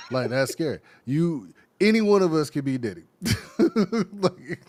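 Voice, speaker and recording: A man's voice: a little high, big pitch swings, slow, darkish tone, no echo. A man co-hosting a podcast in loose, casual chat, with an American accent, talking with lots of fillers and laughing often. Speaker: podcast co-host.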